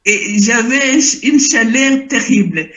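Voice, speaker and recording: This older woman, a church member in Belgium, testifies emotionally, hesitant and repetitive as she looks for the right words. Her slightly high voice is expressive, slow and fairly bright, captured on dull-sounding audio.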